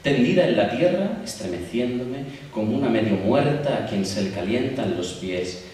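A man reciting a poem in the voice of an anguished mythic woman lamenting a cruel god, shifting hushed lines to loud cries. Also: medium pitch, expressive, normal speed, natural voice. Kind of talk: dramatic poetry recitation. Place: large university hall. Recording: echoey hall, distant mic, faint hiss.

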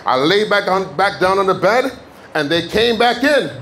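A man from Jamaica preaching in a church, giving a fervent testimony that builds to shouted declarations. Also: high-pitched, lively intonation, normal speed, gravelly, a little hiss or hum. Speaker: guest preacher. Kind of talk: sermon testimony. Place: church sanctuary.

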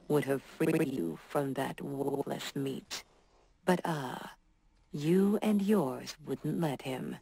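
A woman's voice: low-pitched, mellow, a little hiss or hum, rough recording. A woman voicing a bitter, vengeful female synth robot in a video game, speaking coldly and with contempt. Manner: cold, slow and measured, contemptuous.

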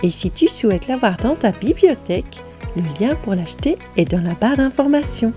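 A woman narrating a children's storybook in an expressive, lively manner. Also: a little high, moderate pace, faint music behind.

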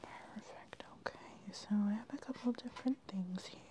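Soft-whispering woman in an ASMR dentist roleplay. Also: mid-range voice, normal speed. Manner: gentle, soft-spoken, reassuring.

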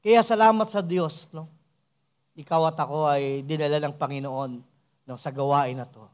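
High-voiced man preaching a sermon. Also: moderate pace, clean tone. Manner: frequent rhetorical "no?" and "mga kapatid ko" asides; swings from soft asides to raised, emphatic preaching. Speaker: church elder preaching.

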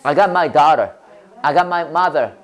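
A man's voice: a little high, drawn-out words. A Korean-speaking man teaching a Bible-based English lesson to a class. He drills phrases with call-and-response and laughs often.

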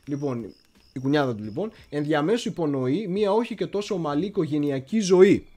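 A man's voice: a little high, lively intonation, warm tone. A man hosting a casual history livestream, chatty and digressive, often stopping to search for words. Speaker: history channel host.

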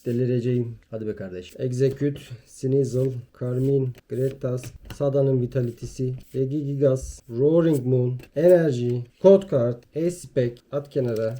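A man's voice: medium pitch, steady tone, moderate pace, hardly any pauses, mellow. A young man casually talking through a card pack opening, rattling off card names and muttering and joking to himself. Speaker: YouTuber opening trading card packs.

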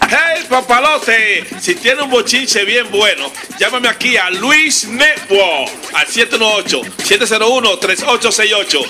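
A man hosting a radio prank call, loud, mocking and excited as he reveals the joke. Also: sits high, unhurried, few pauses, noisy background.

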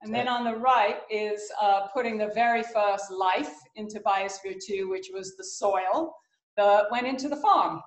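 A middle-aged woman talking in a casual panel discussion, pausing often with fillers over a video call. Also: mid-range voice. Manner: hesitant, many fillers. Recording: echoey room on a video call.

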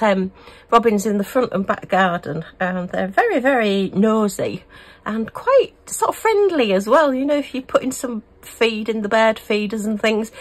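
A middle-aged woman from the UK, chatting casually and gushing as she unboxes and reviews craft kits. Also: medium pitch. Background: a small fan humming.

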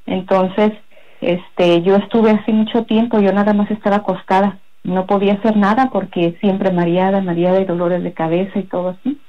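A woman giving a personal religious testimony in a halting, rambling way, full of fillers. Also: mid-range voice, little pitch movement, lo-fi sound. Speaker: guest giving a faith testimony.

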